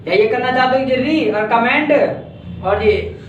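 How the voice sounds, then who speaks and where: An English teacher from India leads a grammar class, patiently repeating words and splitting them into syllables. His voice is extremely high and unhurried, with a slight hiss or hum. He sits far from a dull lo-fi mic in an echoey classroom.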